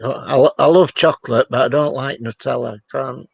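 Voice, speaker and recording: A man co-hosts a live stream with informal chat. His voice is medium in pitch and sounds dry, with hardly any room. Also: brisk, creaky, breathy edge, no echo, highs cut off. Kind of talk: casual chat.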